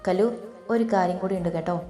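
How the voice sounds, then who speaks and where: A woman's voice: lowish voice, fast talker, warm tone, close to an everyday voice. A woman voicing a playful, affectionate young husband who teases his wife. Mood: teasing. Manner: playful teasing. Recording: roomy echo, faint background music.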